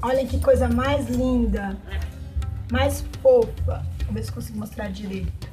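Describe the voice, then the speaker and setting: A Brazilian woman with a high, bright-sounding voice chats casually while unboxing plants, gushing and exclaiming over each one. Soft music plays faintly underneath her. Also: a little slow. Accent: Brazilian Portuguese. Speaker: plant vlogger.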